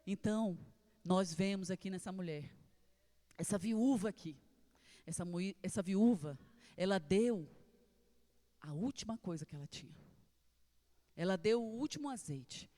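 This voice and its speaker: A woman's voice: medium pitch, a little slow, long pauses. A woman with a Brazilian Portuguese accent preaching a sermon in a church, telling a personal testimony with passion. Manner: impassioned storytelling, swinging between hushed and loud.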